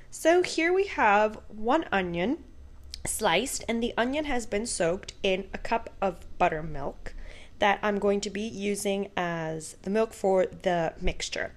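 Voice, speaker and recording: A young woman, the daughter, hosting a casual cooking vlog from a home kitchen with a bubbly, playful manner. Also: mid-range voice. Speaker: vlogger, daughter.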